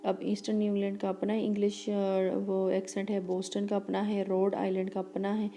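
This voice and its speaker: A woman teacher giving a lecture, reading English lines slowly and explaining them quickly in between, with fillers and restarts. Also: medium pitch, completely flat delivery, warm tone.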